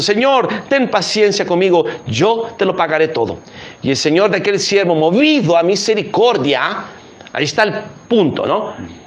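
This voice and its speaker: A man preaching a sermon as a missionary, telling a parable and then pressing its lesson with direct questions. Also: a little high. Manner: storytelling, then pressing home the point with questions.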